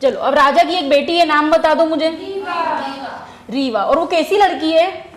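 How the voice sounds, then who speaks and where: A woman's voice: high voice, measured pace, a little hiss or hum. A woman teacher giving an exam-prep lesson, asking questions and answering them herself while repeating key words. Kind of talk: exam-prep lesson using memory stories.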